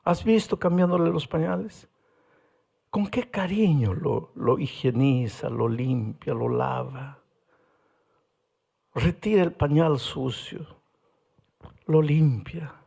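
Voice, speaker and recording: A man's voice: a little high, expressive, takes it slowly, creaky, pauses often, dark tone, slightly rough. An older man from Peru preaching an evangelistic sermon, telling a story and then speaking passionately and directly to his listeners. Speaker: pastor.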